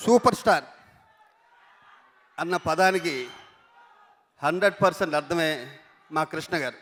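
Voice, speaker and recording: A male guest speaks with respect and warmth on stage. His voice sits slightly high. The hall adds a long echo. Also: a little slow. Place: stage at a film event. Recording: distant mic in a reverberant hall.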